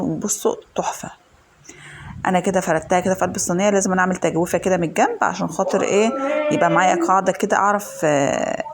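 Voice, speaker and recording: A fast, chatty Egyptian woman leads a home cooking video, talking viewers through every step with lots of fillers. Her voice is a little hoarse from a cold. She records in her home kitchen, with a faint background hum. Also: fairly low pitch. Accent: Egyptian Arabic. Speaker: home cooking channel host. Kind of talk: casual cooking tutorial.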